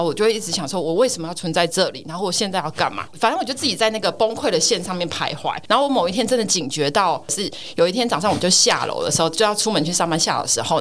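一位三十多岁的女人，以活泼的语气在播客中闲聊、讲述自己的经历，常常笑出来。. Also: female voice, lowish voice, very fast, few pauses. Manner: animated storytelling, laughing often. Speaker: podcast co-host. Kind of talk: casual chat.

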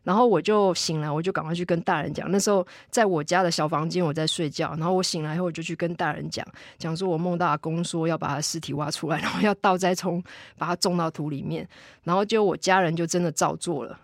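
A woman's voice: on the low side, fairly even intonation, fast, dry recording, studio quality. A woman with a Taiwanese Mandarin accent speaking casually as an interview guest, explaining things step by step and often circling back over her words. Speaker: film and VR director, podcast guest.

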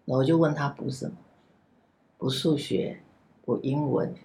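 A woman, an after-school center director, telling a story gently and vividly in a casual podcast chat. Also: extremely low pitch, fairly even intonation, a little slow. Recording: echoey room.

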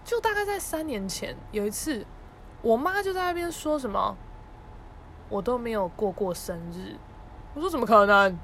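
Animated young woman with a Taiwanese accent. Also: on the high side, moderate pace, pauses often, slight background noise. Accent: Taiwanese Mandarin. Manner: animated, acts out family members' voices, laughs often. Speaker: podcast host. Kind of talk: casual storytelling monologue.

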